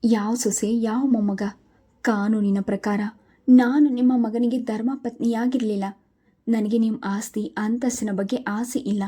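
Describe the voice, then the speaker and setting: Woman voicing proud young mother, storybook figure, bitter, firm, dark mellow tone, slightly high.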